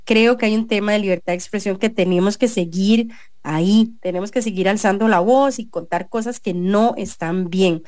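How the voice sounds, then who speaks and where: A Costa Rican woman hosts a business radio show, delivering an earnest editorial and interviewing a guest, with many restarts and fillers. She is a radio host and journalist whose mid-range, darkish voice moves at a normal speed. The recording is dry and studio quality.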